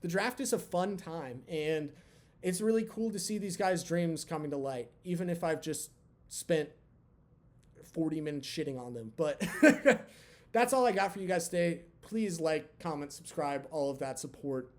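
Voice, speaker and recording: A man hosting his own video channel, chatting candidly with lots of fillers, his voice a bit hoarse from talking long. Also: a little high, moderate pace, darkish tone. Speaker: basketball channel host. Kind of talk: casual talk to camera.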